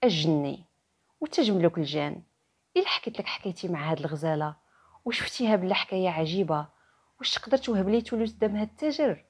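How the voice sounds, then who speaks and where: Old sheikh played by a female narrator, Moroccan accent, lower-pitched, earnest and sorrowful folktale storytelling. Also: expressive, fast, slightly rough. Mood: earnest pleading. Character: sorrowful old sheikh recounting his strange tale.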